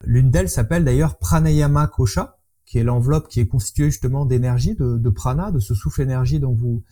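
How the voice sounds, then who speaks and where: A man's voice: medium pitch, fairly quick, mellow. A man interviewing a guest, framing a question with hesitant restarts. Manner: hesitant, searching for words.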